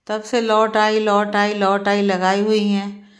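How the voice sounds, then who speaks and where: A woman's voice: medium pitch, monotone, takes it slowly, close to an everyday voice. A woman voicing a desperate young man in a spoken Hindi storybook, pleading with repeated questions. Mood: disbelieving.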